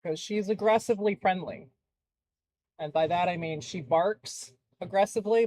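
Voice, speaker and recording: A woman making props, chatting casually as she paints at her home workshop desk and slipping into high baby talk with her dogs. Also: darkish tone, no echo. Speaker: prop maker. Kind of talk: casual chat while painting. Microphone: phone used as webcam.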